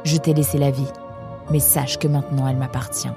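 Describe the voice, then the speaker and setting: A woman doing a cold, quiet spymaster. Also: rumbling low, level tone, a little fast, music in the background. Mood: menacing.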